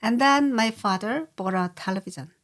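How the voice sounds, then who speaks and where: An older woman from South Korea with a Korean accent, answering interview questions slowly, with many pauses and fillers. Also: fairly high pitch, a bit bright. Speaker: guest. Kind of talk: casual interview.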